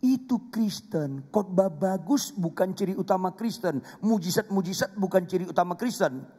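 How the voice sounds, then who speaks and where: A man's voice: high voice, lively intonation, moderate pace, warm tone, breathy edge. A man with an Indonesian accent, a pastor preaching an emphatic, humorous sermon that repeats phrases for effect. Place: church. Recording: long reverb of a church hall.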